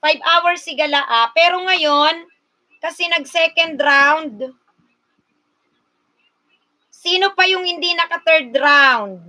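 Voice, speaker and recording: A woman from Bicol in the Philippines hosting a casual livestream, slowly coaxing her viewers and talking to them directly. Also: very high-pitched, sharp tone. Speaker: livestream host.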